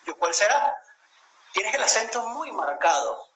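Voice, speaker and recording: Very animated yet measured in pace, this high-voiced Venezuelan man in his late thirties speaks as an interview guest over a video call. He tells his story reflectively, hesitating often, against an echoey room and background noise.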